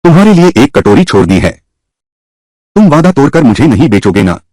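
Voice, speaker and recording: A man dubs a whole drama alone, voicing each role in turn. His voice is husky and his pitch swings widely between characters. The recording is dry and close. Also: sing-song, fairly quick, darkish tone, no room sound. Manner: voices every character himself with shifting pitch. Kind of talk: single-voice dub of a drama.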